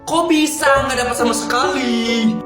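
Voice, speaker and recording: A woman's voice: a little high, moderate pace, close to an everyday voice. A woman playing a teasing male schoolteacher who questions his students, in a comedy skit. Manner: questioning, mock-sympathetic. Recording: echoey room with loud music.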